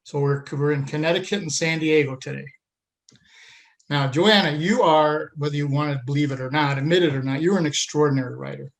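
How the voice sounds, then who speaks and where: A man hosts a podcast with an earnest, emphatic delivery. His voice sits a little high for a man. He moves from a scripted opening into a relaxed interview. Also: fairly quick, gravelly. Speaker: podcast host. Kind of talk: scripted intro then interview.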